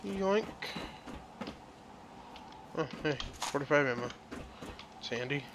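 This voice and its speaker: A man's voice: mid-range voice, normal speed. Foul-mouthed male gamer, muttered jokey commentary, noisy recording. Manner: profane, joking, mutters to himself. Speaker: gameplay commentator. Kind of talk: casual gameplay commentary.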